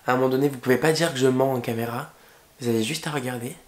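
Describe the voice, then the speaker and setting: A young man chatting through a makeup tutorial at home, gushing excitedly over the products with casual slang. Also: medium pitch, racing. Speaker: makeup vlogger. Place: indoor room at home, facing a window. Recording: roomy echo.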